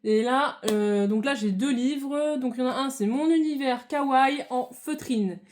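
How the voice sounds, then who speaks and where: A woman's voice: high voice, unhurried, darkish tone, a little hiss or hum. A woman vlogging about her crafts, chatting casually to viewers with many hesitations and restarts. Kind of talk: casual hobby chat to viewers.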